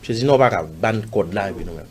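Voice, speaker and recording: A man's voice: lowish voice, lively intonation, fast talker, noisy background. A man with a Haitian accent recounting a personal story in an interview, rambling and acting out the dialogue. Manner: rambling, acts out dialogue, pepper of "bah" and "man". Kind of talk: casual spoken storytelling.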